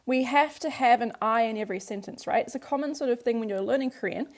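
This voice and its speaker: A fast-talking woman with a voice on the high side teaches a workbook lesson in her first language, English. Despite her speed she's patient, walking through examples step by step and repeating key points.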